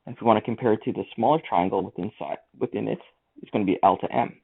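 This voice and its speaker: A man's voice: on the low side, quick pace, gravelly, breathy edge. A man teaching a math lesson, talking through each step of the working aloud. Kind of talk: screen-recorded lesson walkthrough. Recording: tinny lo-fi mic.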